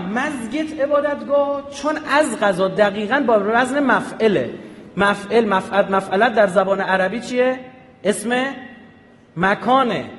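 A man giving an animated public lecture, often checking with his audience through quick rhetorical questions. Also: high voice. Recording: echoey hall with long reverb.

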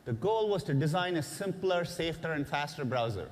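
A man in his forties speaks in a measured, earnest keynote voice, pitched a little high for a man. He talks from a large conference stage over a headset mic. A long reverb from the hall trails his words. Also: lively intonation. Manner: measured, earnest, with occasional "uh" fillers. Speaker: keynote presenter. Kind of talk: keynote speech.

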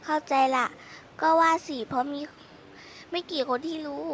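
A woman voicing a kind, polite mother of a schoolboy in a one-person voice drama, talking softly and sweetly. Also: high-pitched, steady tone, normal speed, slight background noise. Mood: gentle.

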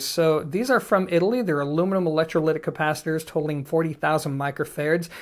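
A channel host narrating a scripted review of audio equipment in an upbeat, casual way, with jokey asides to the viewer. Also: mid-range voice.

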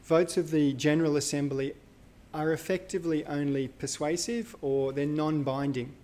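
In a lecture hall, a male university lecturer speaks casually during a live lecture, thinking aloud and dotting his speech with fillers and self-corrections. His voice is a little high and dark in tone, steady, at a moderate pace.

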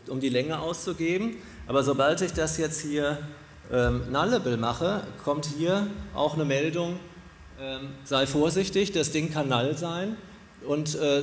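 Middle-aged man, developer giving a conference talk; relaxed, explanatory, filler-heavy; podium mic in a reverberant lecture hall with faint hiss. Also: a little high. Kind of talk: conference talk with live coding demo. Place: large lecture hall with audience. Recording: echoey hall from a distance.

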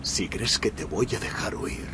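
A man's voice: on the low side, measured pace, very noisy, lightly acted. Man acting a bold heroic brooding crime fighter. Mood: grim, resolute. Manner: bold, heroic, firm and commanding. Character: brooding adult male masked crime-fighting hero. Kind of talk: video game dub acting.

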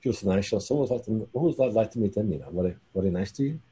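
A man from Boston hosting a video call interview, halting and repeating his words as he asks questions. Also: lowish voice, expressive, dark tone, husky. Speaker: host. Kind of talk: casual interview. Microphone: video call webcam.

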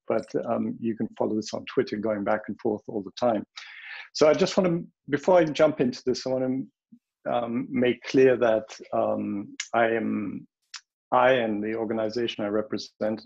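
A man speaks at a panel over a video call, frank and opinionated, stopping often to hunt for words. His voice is gravelly with a husky edge. The call audio sounds dull and lo-fi. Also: mid-range voice, a little mellow. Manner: hesitant, many ums, frank and opinionated. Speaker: panel speaker, wildlife health director. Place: home or office in the Bronx.

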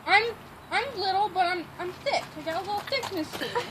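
A woman's voice: very high voice, brisk, noisy background. A woman on an outdoor playground, dramatic and whiny in casual chat, swearing as she goes. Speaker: friend on the playground.

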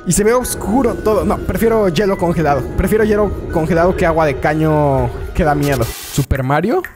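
A Mexican man giving casual, animated reaction commentary on short videos at a desk microphone, laughing often and breaking into quick exclamations. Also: fairly high pitch, over music. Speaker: YouTuber reacting to clips.

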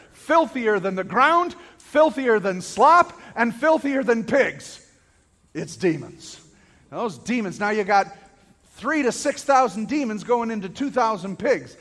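A man preaches a sermon with a high-pitched voice. He acts out the story with big swings, shouting one moment and dropping to a hush the next. Long reverb trails behind him, as in a large hall. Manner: dramatic storytelling, swings from loud shouts to hushed whispers. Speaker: pastor.

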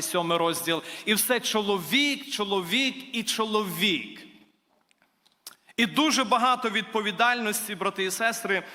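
Bright-voiced male preacher in a reverberant hall. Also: sits high. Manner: earnest, rising to emphatic declarations; addresses listeners as brothers and sisters. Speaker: guest preacher. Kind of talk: sermon. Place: church hall.

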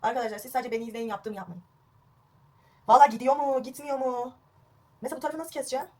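Fast-talking chatty young woman vlogger. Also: sits high. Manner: chatty, self-mocking, swearing, excitable. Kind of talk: casual home haircut vlog. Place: at home indoors.

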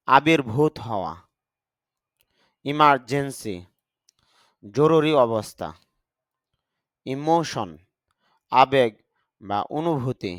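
A man teaching English vocabulary in Bengali, reading each word and its meaning in a deliberate, explaining manner, with a Bangladeshi Bengali accent. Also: medium pitch, a bit bright, no echo, studio quality. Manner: deliberate, spells out pronunciation. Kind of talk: slow vocabulary lesson, word then meaning.

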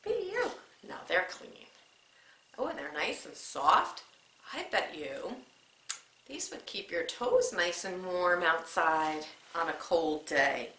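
Slow, sing-song woman in an echoey room. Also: fairly low pitch, animated, pushed and bright. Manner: slow, sing-song, encouraging, talking to small children. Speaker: children's librarian. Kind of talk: children's story time. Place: library room.

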